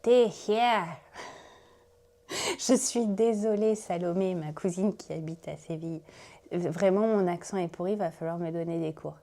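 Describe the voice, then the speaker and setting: A woman's voice: fairly low pitch, normal speed, dark tone. A woman hosting a knitting podcast, talking casually and chattily to her viewers, often laughing at herself. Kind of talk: casual chat to camera.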